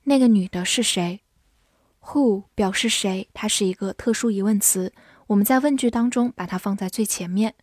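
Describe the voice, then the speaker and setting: A woman teaching English vocabulary, spelling each word out and reading example sentences slowly. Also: medium pitch, a little mellow, no room sound, clean studio sound. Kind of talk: vocabulary lesson.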